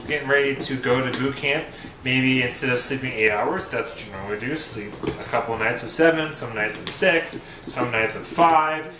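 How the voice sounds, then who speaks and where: A man giving casual advice to viewers in a rambling, joking, conversational way. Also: medium pitch. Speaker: vlogger giving boot camp advice. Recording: roomy echo, faint hiss.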